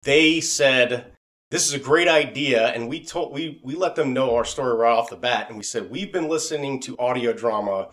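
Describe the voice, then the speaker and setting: A man hosts a podcast at normal speed and medium pitch, his tone fairly bright. He chats casually and enthusiastically, rambling as he goes.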